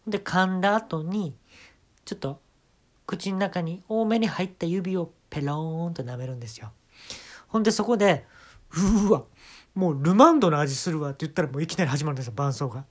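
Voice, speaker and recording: A man's voice: a little high, expressive, fairly quick. A man with a Kansai accent telling a comic story as a monologue, acting out sounds and quoted lines along the way. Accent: Kansai Japanese.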